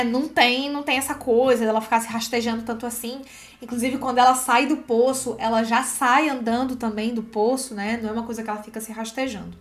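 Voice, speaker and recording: A Brazilian woman with a high voice teaches screenwriting as a video host, offering casual explanatory commentary and reading a script aloud. She is expressive and chatty, often checking in with her audience.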